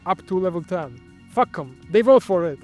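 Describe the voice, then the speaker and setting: A man from Poland, with a Polish accent, hosts his own channel in a loose, wry commentary monologue that rambles and often trips before correcting itself. His voice is high and darkish in tone, with lively intonation at a moderate pace, and faint music plays behind him.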